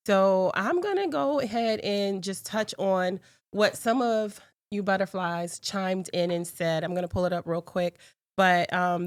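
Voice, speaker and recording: A congested woman hosts her talk show in a casual, chatty way. Her voice sits low and the sound is dry and close. She talks straight to her viewers. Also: no room sound. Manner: chatty, addresses viewers directly.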